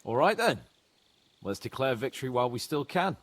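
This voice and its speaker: A man's voice: medium pitch, big pitch swings, fairly quick. An actor playing a brash, boastful young nobleman who bristles at being treated like a child, bantering crudely. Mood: wry. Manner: crude, joking, loud banter. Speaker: game character. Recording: game audio with music underneath.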